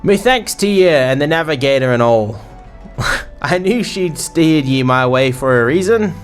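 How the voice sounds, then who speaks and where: A man's voice: on the high side, expressive, unhurried, soft background music, pitched above the performer's own voice. A man voicing a boisterous, bawdy male sailor innkeeper in a put-on English pirate accent, full of salty slang. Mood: jovial. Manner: salty slang, rambling banter.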